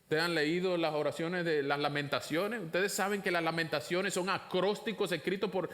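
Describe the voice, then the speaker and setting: A man preaching a sermon, putting rhetorical questions to the congregation, his voice climbing high for emphasis and then dropping low and slow. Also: fairly even intonation, fairly bright tone. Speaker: pastor.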